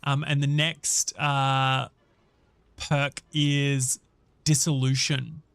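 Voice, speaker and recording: A man's voice: mid-range voice, a bit bright, no echo. A man hosting a casual gaming livestream, thinking aloud and chatting conversationally with viewers as he gives his commentary. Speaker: live streamer and host.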